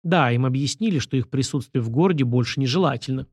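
A man's voice: mid-range voice, fast talker, breathy edge, dry recording. A man voicing a cool ironic young man. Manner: dry, ironic, calm.

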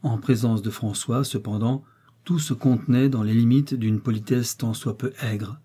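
A man reading a classic novel aloud as an audiobook narrator, in a measured, even storytelling manner. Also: medium pitch, husky. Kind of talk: scripted literary narration.

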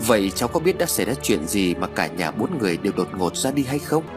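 A male narrator voicing a grave middle-aged exorcist master who questions calmly. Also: fairly low pitch, fast, music in the background.

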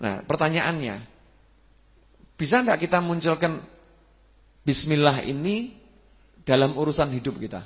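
A man preaching a sermon, animated, building to emphatic peaks and asking his listeners questions. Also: a little high, measured pace, long pauses. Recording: husky voice with long hall reverb.

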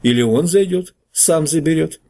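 A man's voice: fairly high pitch, normal speed, darkish tone, voice pushed up. A man reading an audiobook and voicing a rude, scrawny newspaper clerk who talks in a brash, mocking way.

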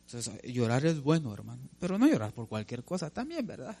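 A man's voice: mid-range voice, wildly swooping pitch, brisk, vocal fry, mellow, husky. A male preacher delivering a sermon, emphatic and direct, putting questions to the congregation and calling them brother.

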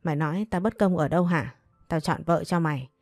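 A woman reading an old village patriarch who has lost his temper: he scolds his grown son, hurling insults between short breaths. The voice sits low and mellow, the reading is close and dry, and faint music plays underneath. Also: brisk, no room sound. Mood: furious scolding.

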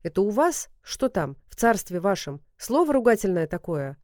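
A woman reading the part of a sharp-tongued, spoiled modern young woman who snaps and mocks. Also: mid-range voice, very animated, moderate pace, dry recording, clean studio sound, lightly acted. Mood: angry. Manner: snappy, mocking, huffy. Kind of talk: audiobook character reading.

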